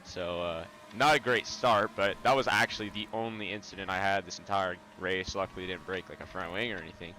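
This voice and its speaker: A man hosting a racing video, talking casually over the gameplay with a relaxed, rambling delivery full of ums. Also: deep voice, brisk, few pauses, background noise. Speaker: racing video host and commentator. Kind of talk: casual race commentary.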